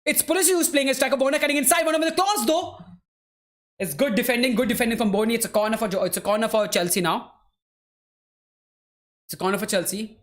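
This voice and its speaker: A man hosts a live football watchalong. He calls the play in a relaxed, chatty way, and his talk is full of "bro" and "man". He answers his viewers with an easy laugh. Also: extremely high pitch, fast talker, long pauses. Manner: laughs easily while answering chat. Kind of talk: live match commentary and chat replies.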